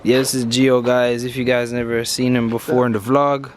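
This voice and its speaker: A man's voice: medium pitch, little pitch movement, moderate pace, a crowd in the background. A young man filming a casual prank vlog at home, teasing and laughing with his friend. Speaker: vlogger pulling a prank. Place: home, indoors. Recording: noisy home video.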